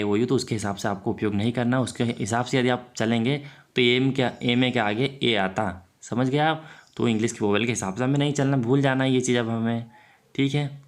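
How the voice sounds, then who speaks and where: A man teaches grammar in an online class, speaking at an ordinary middle pitch. He walks through each point methodically and keeps asking his viewers if they have followed along. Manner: repeats rhetorical checks to the viewer. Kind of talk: explanatory online lesson.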